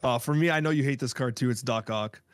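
Expressive man venting on a podcast. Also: medium pitch, fast talker, no echo, faint music behind. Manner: expressive, exaggerated complaining. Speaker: podcast co-host. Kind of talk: casual gaming podcast chat.

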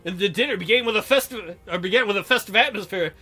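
This high-pitched man talks quickly, his voice pushed and bright with a breathy edge. He's reading a visual novel aloud as a let's-play, giggling often and keeping things joking and theatrical with playful commentary, while music sits under his voice.

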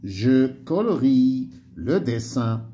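A man teaching a primary-school French lesson, slowly spelling out syllables and letters for young pupils. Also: mid-range voice, sing-song, dark tone, slight background noise.

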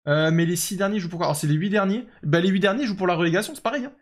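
Racing along in a high voice, a young man chats his way through a football management game on stream. He reads and responds to his chat constantly, and his casual commentary is packed with fillers.

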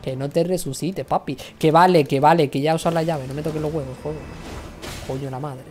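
A woman's voice: low voice, steady tone, brisk, darkish tone, a little hiss or hum. A young woman with a Spain Spanish accent chatting and complaining dramatically while streaming a game, swearing freely. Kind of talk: live game stream commentary.

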